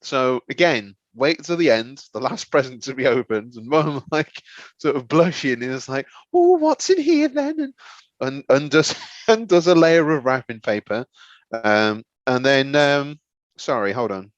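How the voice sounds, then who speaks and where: A man's voice: medium pitch, a little slow, no room sound. A man co-hosting a comedy podcast, telling a rambling story and stumbling over words. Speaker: podcast co-host. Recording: slightly dull, lo-fi.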